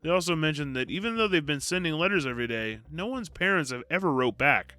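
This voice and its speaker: A man's voice: on the high side, expressive, quick pace, pushed and bright, no room sound. A man narrating a book summary in a scripted, wry and jokey storytelling manner. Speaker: video host summarizing books. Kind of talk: scripted narration with sarcastic asides.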